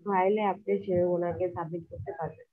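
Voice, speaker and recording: Bangladeshi lady teacher on an online class, kinda low voice, call keeps cutting in and out, sounds like a phone. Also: steady tone, fairly quick. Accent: Bangladeshi Bengali. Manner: patient step-by-step instructions, checking if understood. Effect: call breaking up, her speech cutting in and out. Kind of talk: walking students through a website during a call. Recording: choppy tinny online call audio.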